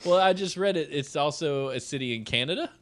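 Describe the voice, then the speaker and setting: A man's voice: fairly high pitch, animated, fairly quick. A man co-hosting a podcast in casual, joking chat, rambling and laughing often. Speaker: podcast co-host.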